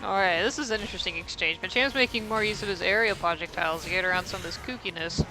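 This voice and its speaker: Male esports commentator, high bright voice, casual and self-deprecating, faint music behind. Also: fast, poor audio. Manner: rambling, self-deprecating, thinks aloud. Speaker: tournament commentator.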